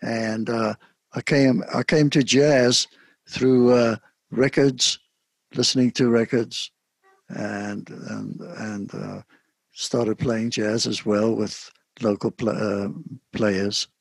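An older man from South Africa, a saxophonist interviewed about his life in music, speaking softly and haltingly with many pauses. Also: medium pitch, fairly even intonation, creaky, breathy edge, no echo. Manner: soft-spoken, halting with frequent pauses. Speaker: guest saxophonist. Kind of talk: casual interview.

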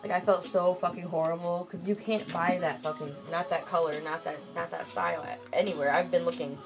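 Brisk and steady in tone, her voice sits on the low side. She's a young Michigan vlogger in casual late-night conversation, with music behind her, rambling, swearing and using plenty of fillers.

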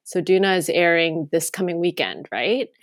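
A woman's voice: fairly low pitch, expressive, normal speed, dry recording. A woman, a podcast guest chatting casually, with many fillers and restarts. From Canada. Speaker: guest, K-drama writer.

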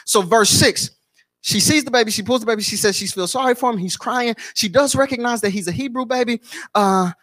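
A man preaches a sermon in church in a very high, fairly bright voice at a fairly quick pace, with no room sound. He repeats his lines in a rhythmic build, calls out to the congregation, and sometimes breaks into a sung chant.

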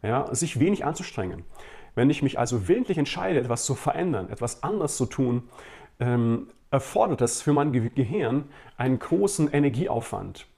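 A man's voice: mid-range voice, big pitch swings, normal speed, gravelly, mellow. A male pastor giving a sermon, talking conversationally to his listeners with many fillers and direct questions.

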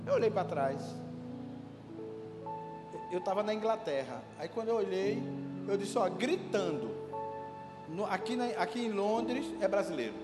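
A man preaches from a pulpit, his voice sitting very high and pushing hard on key phrases. He calls out to the congregation for answers. The sound carries a long hall reverb with music playing beneath. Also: animated, unhurried, long pauses. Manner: emphatic preaching with call-and-response. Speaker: pastor. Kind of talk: sermon. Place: church hall. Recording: echoey hall with music behind.

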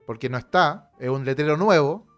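A fired-up Chilean man in middle age tells his own story straight to camera, his fairly high voice jumping as he acts out both sides of the quarrel. Faint music plays under him. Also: normal speed, dull audio. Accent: Chilean Spanish. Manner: animated, indignant, acts out quoted exchanges. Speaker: lawyer telling a personal story.

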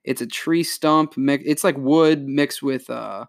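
A man chatting casually on a podcast, reading out folk legends in an animated, joking way. He keeps the tone loose and playful as he tells the stories. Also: medium pitch, takes it slowly, gravelly. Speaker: podcast co-host.

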